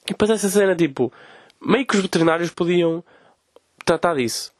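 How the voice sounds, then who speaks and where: A young man with a European Portuguese accent rants in a podcast, fast and a bit high-pitched. He swears freely and slips into mocking impressions of other people. The sound is close and dry, with no room around it. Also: no echo. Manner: swears often, mimics people in quoted voices. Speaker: podcast host. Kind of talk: casual comedic rant.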